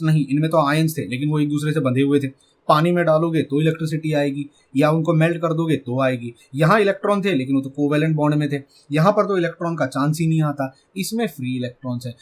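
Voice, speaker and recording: A man teaching a chemistry exam-prep lecture with an Indian English accent, asking his class questions and answering them himself. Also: fairly high pitch.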